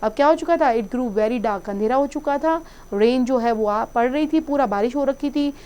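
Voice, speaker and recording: A woman's voice: high-pitched, dark tone, smooth. A woman teacher reading an English story aloud and explaining it line by line in Hindi to pupils. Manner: reads English slowly, then explains in Hindi.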